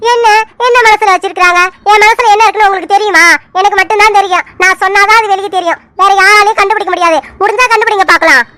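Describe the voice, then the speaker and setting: A woman voicing Poomari, a playful and quick-tempered young village woman in an animated serial, who argues in rapid, indignant bursts. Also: extremely high pitch, dry recording. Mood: teasing. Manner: indignant, rapid back-and-forth arguing. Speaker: cartoon character.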